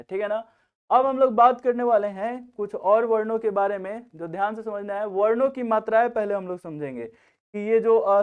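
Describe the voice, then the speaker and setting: A male teacher explaining grammar in a steady lesson, often checking in with students as he goes. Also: high voice, clear, resonant tone. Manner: repeats "theek hai na" as a check-in. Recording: tinny phone-like recording.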